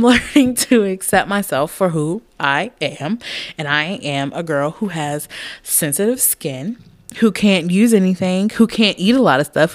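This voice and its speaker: A woman's voice: medium pitch, dry recording, clean studio sound. A woman in her late twenties talking candidly in a casual personal monologue, rambling and laughing often. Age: late 20s. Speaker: podcast host.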